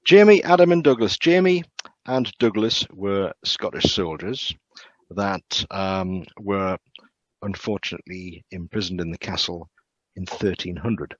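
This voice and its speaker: Low-voiced guy rambling thru ghost stories, lots of ums and restarts, dry muffled sound. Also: expressive, no room sound. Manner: halting, with repeated words and many ums. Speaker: castle guide. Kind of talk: casual storytelling.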